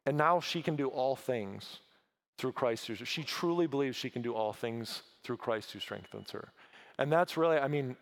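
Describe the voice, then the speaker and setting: A man giving an earnest, emotional conference talk about his ministry, halting often with fillers. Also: medium pitch, lively intonation. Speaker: ministry speaker.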